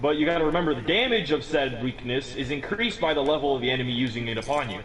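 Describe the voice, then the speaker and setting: A teenage boy in casual chat rambles through an explanation of a game build, restarting again and again and chuckling at his own remarks. He speaks fast and animatedly in a mid-range voice. The recording is low quality, with a crowd audible behind him.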